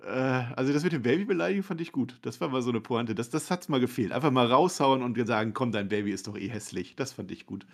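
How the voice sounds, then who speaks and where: Puzzled man with a lively voice. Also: medium pitch, fast, gravelly, hardly any pauses. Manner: bemused, puzzled questioning. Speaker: podcast co-host. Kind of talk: casual wrestling recap chat.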